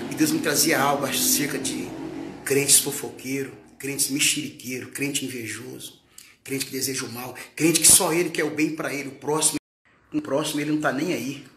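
A man's voice: medium pitch, vocal fry, echoey room, noisy background. A Brazilian man preaching a fervent testimony sermon, his voice rising when he retells what people said. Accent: Brazilian Portuguese. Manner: fervent, rising to shouts in retold dialogue.

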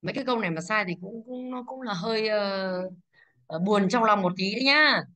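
Brisk woman teacher quizzing her class. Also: medium pitch, pushed and bright, poor audio. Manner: brisk, asks the class questions and answers them herself. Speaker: English teacher. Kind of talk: exam answer walkthrough.

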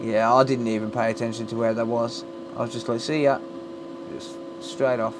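A man's voice: mid-range voice, little pitch movement, a little fast. A British man chatting casually as he works, with blunt, sweary, joking banter. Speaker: repairer hosting a live stream. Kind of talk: casual chat while working. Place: indoor electronics repair workbench. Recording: clearly noisy workbench live-stream recording.

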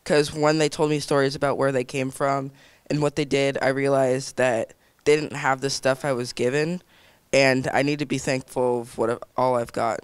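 Earnest teenage boy, smooth clear voice. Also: medium pitch, little pitch movement, moderate pace, dry recording. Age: teens. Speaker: nonprofit founder. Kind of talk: earnest panel talk. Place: indoor room. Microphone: handheld microphone.

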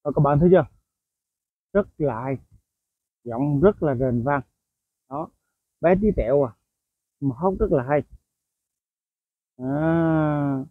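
A man's voice: fairly high pitch, slow, pauses often, no echo. A man chatting casually to viewers about songbirds, with frequent fillers and asides. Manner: chatty, addresses viewers often, many fillers. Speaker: bird-keeping video host. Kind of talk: casual explanatory vlog narration. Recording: tinny phone-like dry sound.

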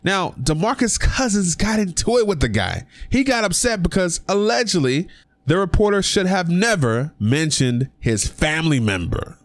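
A man's voice: sits high, big pitch swings, normal speed, no echo. A young man talking casually on his own vlog, giving his opinion with emphatic rhetorical questions. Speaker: sports commentary vlogger. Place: indoor room.

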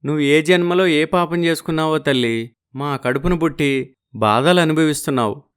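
A man's voice: on the high side, normal speed, smooth, natural voice. A man voicing a poor, worried village father who speaks humbly and pleads respectfully. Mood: grieving. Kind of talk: audio story acting.

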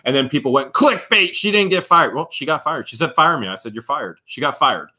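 Bright-voiced man explaining with emphatic gestures. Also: mid-range voice, lively intonation, a little fast, breathy edge. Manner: emphatic, explaining, mimics other people's reactions, gestures a lot. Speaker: co-host of a live Q&A show. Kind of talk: live-stream Q&A chat. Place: small home studio room.

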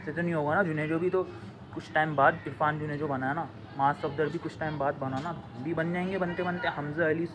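A young man vlogging casually to the camera on a home rooftop. He talks slowly and draws things out, stumbling over his words. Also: fairly high pitch. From Pakistan. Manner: slow, drawn-out talk that stumbles over words. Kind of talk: casual vlog talk to camera. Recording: noisy outdoor background.

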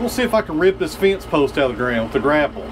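A man with a fairly high voice narrates his farm work in a chatty, folksy way, talking straight to his viewers. He is recorded outdoors on a camera mic, with loud tractor and engine noise behind him. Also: lively intonation, fast. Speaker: channel host. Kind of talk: casual vlog narration while working.

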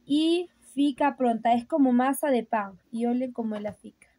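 A woman's voice: a little high, dark tone, no echo, poor audio. A young woman vlogging from her rural mountain home, chatting directly to viewers as she shows things around her on a phone camera. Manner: chatty, slow and explanatory, addresses viewers directly. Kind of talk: casual show-and-tell narration. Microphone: phone camera held by speaker.

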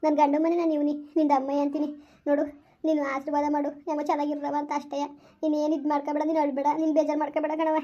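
A woman's voice: high-pitched, monotone, racing, warm tone, natural voice. A woman playing a loyal young wife who soothes and pleads with her mother. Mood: soothing. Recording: dull lo-fi recording.

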